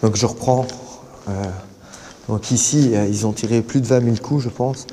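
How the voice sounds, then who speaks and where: A man with a Belgian French accent narrating an urban exploration vlog in a casual, rambling way, full of fillers and slang and often dropping to a hushed voice, deep underground in concrete tunnels. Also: steady tone, moderate pace. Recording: long echo in underground tunnels, faint noise.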